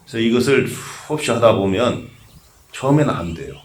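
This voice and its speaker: A man's voice: mid-range voice, sing-song, moderate pace. An older man, a Buddhist monk, giving a conversational sermon that asks the audience questions and tells humorous stories. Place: temple memorial service.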